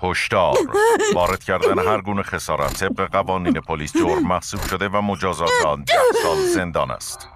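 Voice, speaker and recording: A man voicing the calm male computer of a cryo pod in a dubbed film, making measured machine announcements. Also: sits low, noisy background. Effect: calm machine system voice.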